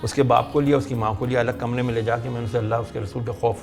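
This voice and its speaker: A middle-aged religious scholar with a Pakistani Urdu accent tells a long story, acting out the people in it. His voice is mid-range with a steady tone, and music plays underneath.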